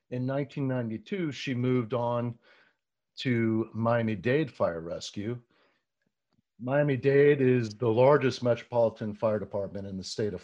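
A man hosting a podcast, reading a measured introduction and then asking questions with frequent ums and uhs. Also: medium pitch, a little mellow, highs cut off. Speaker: podcast host. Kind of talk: scripted intro then casual interview.

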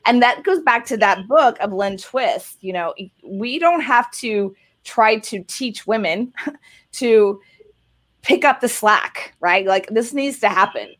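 A woman hosting a casual interview over a video call, upbeat and encouraging, talking in long quick runs. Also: on the high side, expressive, a bit bright. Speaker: podcast host.

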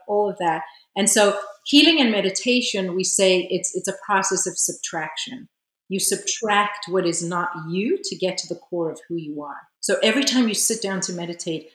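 Low-voiced woman healer, earnest, roomy echo. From South Africa. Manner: earnest and reflective, with frequent "you know". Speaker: guest, spiritual healer. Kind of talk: personal storytelling in an interview.

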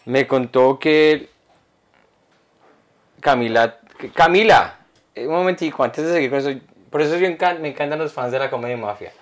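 A man with a higher voice talks fast, barely pausing at all. He's co-hosting a casual comedy podcast, spinning animated stories, doing impressions of people, and reading fan comments.

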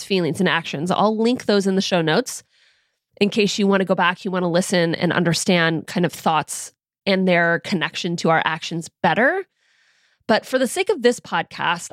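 A woman's voice: lowish voice, dry recording. Upbeat woman podcast host, dry close sound. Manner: upbeat, encouraging, speaks directly to listener. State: slightly tired, groggy morning voice. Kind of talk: scripted motivational podcast monologue.

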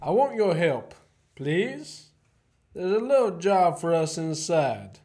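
A man acting in a student radio play as a courteous, menacing gentleman professor who is secretly a spy chief. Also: high-pitched, big pitch swings, takes it slowly, full character voice. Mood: commanding. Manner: courteous, genteel, theatrically menacing.

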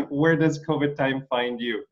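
A man's voice: mid-range voice, a little slow. A man from Ukraine hosting an interview show from his home, speaking earnestly with many hesitations and fillers. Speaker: host. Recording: slightly muffled.

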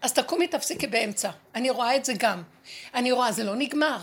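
A woman giving a spiritual lesson to a group, talking emphatically and acting out prayers and dialogue. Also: a little high. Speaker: spiritual teacher.

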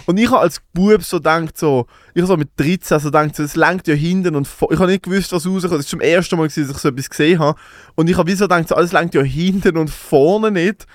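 A young man with a Swiss German accent, rambling through stories and laughing as he goes. His voice sits a bit high for a man. The sound is dry and close, with no room around it. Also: fast talker, dry recording. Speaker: podcast co-host. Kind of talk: casual chat.

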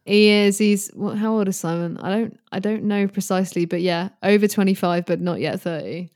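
A woman in her early twenties from Britain, a guitarist and online creator, rambles candidly and informally as a podcast guest in casual conversation. She speaks at a moderate pace with a medium pitch, a steady tone and a slightly mellow quality. The clean studio sound has no room sound.

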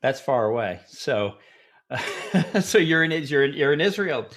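A podcast host tells stories and chats casually in a relaxed way, using lots of fillers. His voice is mid-range and his delivery a little slow.

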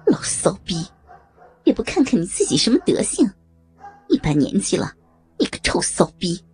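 A woman's voice: medium pitch, big pitch swings, moderate pace, darkish tone, husky, faint music behind. A woman playing a vicious cursing village chief. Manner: snarling, insulting.

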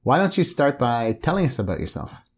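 A man hosting an interview podcast, reading a scripted intro and then asking relaxed questions. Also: mid-range voice, brisk, creaky, breathy edge. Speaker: podcast host.

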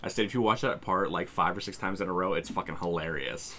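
A man's voice: low voice, quick pace, over a noisy crowd. A man co-hosting a horror podcast, insistently giving his film review in casual chat. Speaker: podcast co-host.

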